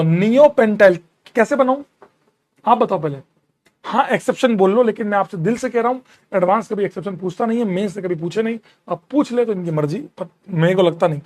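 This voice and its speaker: High-voiced man teaching chemistry casually. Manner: casual, encouraging, calls students bro. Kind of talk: classroom lecture.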